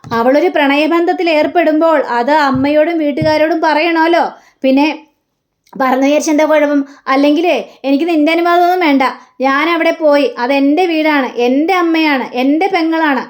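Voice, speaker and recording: A woman's voice: high voice, steady tone, moderate pace, close to an everyday voice. A woman voicing a stubborn young man who bluntly defends himself, in a serial retelling. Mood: defensive.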